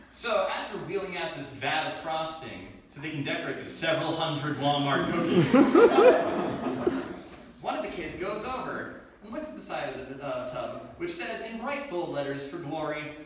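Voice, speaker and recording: Young man doing stand-up, lively pitch. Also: unhurried. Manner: storytelling with playful voiced asides. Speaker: stand-up comedian. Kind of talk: stand-up set. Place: live comedy venue with audience. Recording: distant roomy live recording, audience noise.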